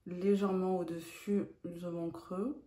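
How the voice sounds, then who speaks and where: A woman walks her viewers through a makeup routine in a slow, calm, step-by-step way. Her tone is warm and mellow rather than bright. The room around her rings with a noticeable echo. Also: fairly low pitch. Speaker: beauty vlogger. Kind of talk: makeup tutorial narration.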